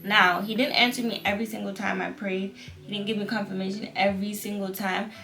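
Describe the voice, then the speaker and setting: A woman's voice: medium pitch, level tone, fairly quick, gravelly, pushed and bright. A young woman giving a casual personal testimony as a vlogger, with the earnest, emphatic manner of a fervent new believer, repeating phrases for emphasis.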